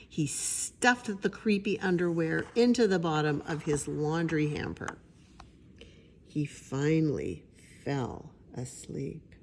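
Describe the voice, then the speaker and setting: Low-pitched elderly woman reading unhurriedly. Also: a little mellow. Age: older. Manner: drawn-out, suspenseful phrasing when reading. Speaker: storybook reader. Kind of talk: children's picture book read-aloud with chatty asides. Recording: noticeable background noise.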